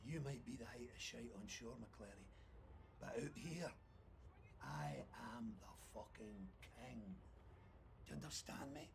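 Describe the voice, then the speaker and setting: Explosive older Scottish rig boss. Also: male voice, high voice, very animated, normal speed, pauses often, fairly bright tone, slight background noise, exaggerated voice. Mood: quiet menace. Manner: sneering, menacing, explosive. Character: bullying, raging older male oil rig boss.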